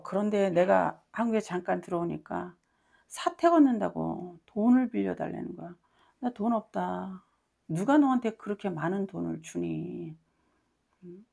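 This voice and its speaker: A woman's voice: medium pitch, gravelly, mellow. A middle-aged woman pastor preaching a sermon with personal testimony, emphatic and often asking her congregation questions.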